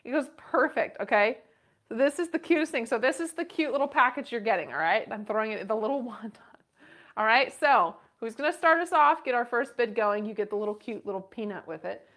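Speaking a little fast with lively intonation, this fairly bright, high-leaning female voice belongs to a bubbly woman in her thirties. She's hosting a live-stream purse auction indoors at a western boutique, chattering away as bids come in.

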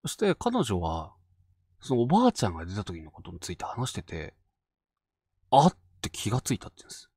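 Man telling a ghost story, wildly swinging pitch. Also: wildly swooping pitch, a little fast, husky, no room sound, studio quality. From Fukushima Prefecture, Japan. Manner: dramatic storytelling, drops to hushed tones for tension. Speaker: ghost story teller and host. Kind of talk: spoken ghost story narration.

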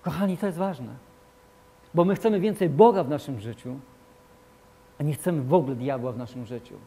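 A male pastor delivers a sermon in an emphatic, repetitive style, swinging between loud declarations and quiet asides. His voice sits a little high and sounds brisk and husky.

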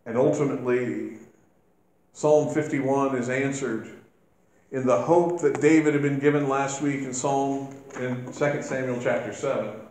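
A man, a minister, preaching a sermon in a church in a slow, deliberate way, rising in force when he quotes scripture. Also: mid-range voice, fairly even intonation, darkish tone, slight background noise. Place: church sanctuary. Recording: echoey church hall.

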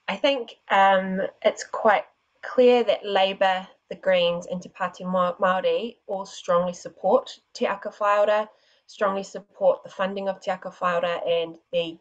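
A woman speaking as a panellist on a public policy panel, answering in a measured, methodical way. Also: medium pitch, muffled recording.

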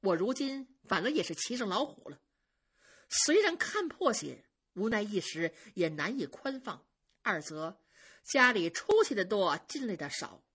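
A woman's voice: mid-range voice, big pitch swings, unhurried, a bit bright, slightly rough, full character voice. A woman storyteller voicing the shrewd young mistress of a great household, speaking in a confiding way.

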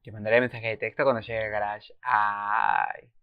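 A man in his twenties with an Argentine Spanish accent hosts a casual reaction video, reading subtitles aloud and exclaiming in between. His voice is fairly low with little pitch movement, at a normal speed. The tone is clean with no room sound, though the recording is muffled.

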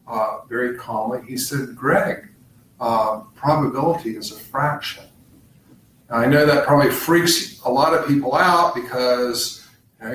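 A man's voice: medium pitch, a bit bright. A middle-aged man tutoring math in a live-streamed session, explaining step by step with many "uh" and "um" fillers. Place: campus learning center room. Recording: roomy, mic at a distance, faint background hum.

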